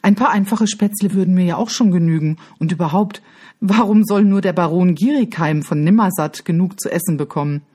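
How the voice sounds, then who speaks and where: A cheeky, food-obsessed boy from a children's story, eager and excitable, as a woman reader puts him on. The voice bounces up and down with greed, slightly husky. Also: fairly low pitch, a little fast.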